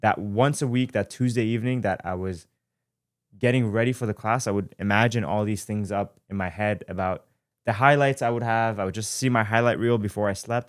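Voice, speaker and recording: A lower-voiced Iranian podcast host in his twenties tells his own life story in an easygoing, reflective manner, pausing often and correcting himself with plenty of fillers. The studio sound is clean, with no room sound at all.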